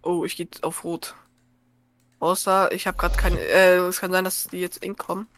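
A young gamer chatting casually and excitably, full of slang, with the voice jumping up when surprised. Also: normal speed. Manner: excitable, slangy, jumps up in pitch. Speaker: gamer and podcaster. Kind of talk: casual gaming chat.

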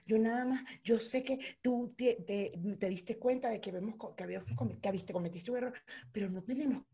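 A woman voicing her boyfriend as a soft, low, placating man making up after a fight. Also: fairly quick, creaky, husky, heavily acted.

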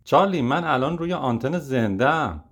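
A man voicing a defensive, excitable male TV presenter in an audiobook reading. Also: medium pitch, breathy edge, pitched above the performer's own voice.

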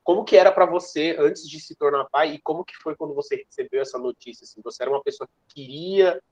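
A young man talks quickly in a fairly high voice. He hosts a casual podcast interview, stringing his questions together with many asides. The mic sounds dull and very dry. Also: darkish tone, dry recording. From São Paulo, Brazil. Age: 20s. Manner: long, winding questions full of asides. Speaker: podcast host.

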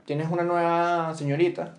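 A young Venezuelan man talks loosely on a podcast in a slightly high voice. He is full of slang and jokes, and he makes his points by spinning hypothetical scenarios. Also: flat delivery, moderate pace. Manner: slangy, joking, argues by hypothetical examples. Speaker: podcast co-host. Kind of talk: casual chat.

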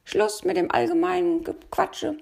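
Storybook figure: shrill, bossy nightingale choir leader, very high and loud, gravelly edge; a woman reads it. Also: lively intonation, a little slow, heavily acted. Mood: commanding. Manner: commanding, barking orders.

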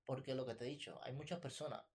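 A man's voice: mid-range voice, steady tone, quick pace, gravelly, slightly rough. A man co-hosting a podcast in casual chat, emphatic and repeating his points. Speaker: podcast co-host.

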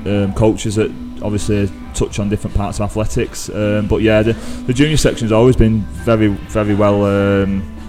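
A man with a northern English, British accent talks casually as a podcast guest. His voice is fairly low and stays level, with hesitant phrasing. Music plays behind him. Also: level tone, normal speed, few pauses, dark tone. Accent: northern English, Greater Manchester. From Greater Manchester, England. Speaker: podcast guest, club runner.

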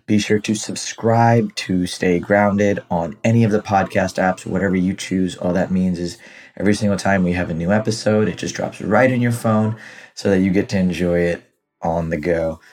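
A man's voice: low voice, steady tone, normal speed, darkish tone. A man hosting a podcast, upbeat and enthusiastic, talking with a guest in an apartment. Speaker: podcast host. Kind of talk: casual podcast interview.

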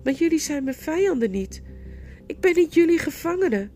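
A woman voicing an enchanted young male knight who begs and pleads, breaking into frantic shouts. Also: sits high, animated, moderate pace, a little hiss or hum, voice pushed up. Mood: pleading.

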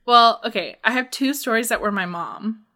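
A woman's voice: fairly high pitch, moderate pace, sharp tone. A young adult woman in casual chat, telling funny stories with frequent laughter and lots of "like". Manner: giggly storyteller, lots of "like" and laughter.

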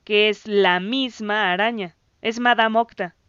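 A woman's voice: medium pitch, steady tone, unhurried, fairly bright tone, clean tone, dry recording, lo-fi sound, lightly acted. A woman voicing a proud boy who boasts and defends himself. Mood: insistent. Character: proud boy, cocky but uneasy.

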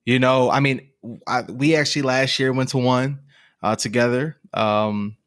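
A man's voice: medium pitch, steady tone, measured pace, fairly bright tone. A man in his twenties co-hosting a podcast, talking casually and rambling with lots of fillers and restarts. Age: 20s. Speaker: podcast co-host. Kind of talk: casual chat.

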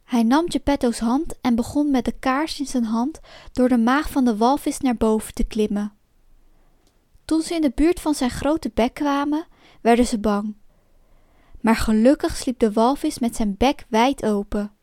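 High-voiced woman reading a storybook. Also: measured pace, no echo, clean studio sound. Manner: clear, expressive reading. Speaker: narrator.

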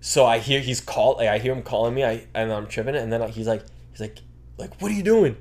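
Young man, co-host, animated profane storyteller, mid pitch. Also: a little fast. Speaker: podcast co-host. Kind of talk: casual chat.

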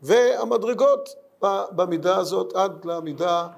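A man's voice: high-pitched, vocal fry. A man giving a Talmud lesson in an earnest way, asking rhetorical questions and repeating his points. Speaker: Torah teacher.

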